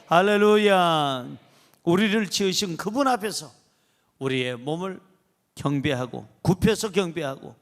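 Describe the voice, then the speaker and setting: A male pastor preaching a sermon in a church, leading the congregation in call-and-response and acting out scenes as he tells stories. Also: sits high. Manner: acts out dialogue in storytelling.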